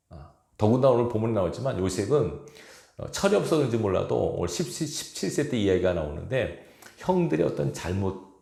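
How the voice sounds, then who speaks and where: A man's voice: on the low side, vocal fry, dark tone, reverberant. A male pastor preaching a storytelling sermon in a church, acting out the characters' quoted words. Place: church sanctuary.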